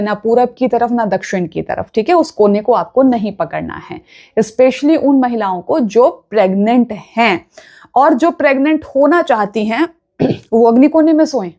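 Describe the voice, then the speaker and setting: A woman with a slightly high, somewhat mellow voice speaks directly to the camera. She is a vastu consultant offering earnest, instructive advice to her viewers and frequently checks that they're keeping up.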